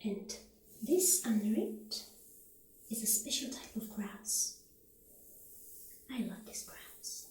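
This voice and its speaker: This woman's voice is on the high side with lively intonation, yet she stays soft and breathy, often almost whispering. She's gently portraying a friendly witch shopkeeper showing potion ingredients in an ASMR roleplay, speaking in an unhurried, halting way amid a roomy echo and faint background noise.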